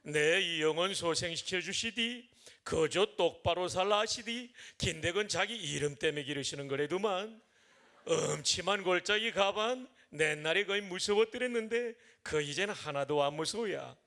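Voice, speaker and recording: A man recites a psalm in a put-on Pyongan dialect as a blunt countryman, asking emphatic questions in a slow way. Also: high-pitched, pushed and bright.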